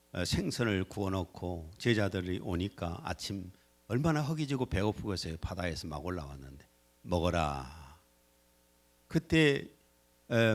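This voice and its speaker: Animated Korean pastor preaching. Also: male voice. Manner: animated, acts out quoted lines with shifts in pitch and loudness. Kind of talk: sermon. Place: church sanctuary.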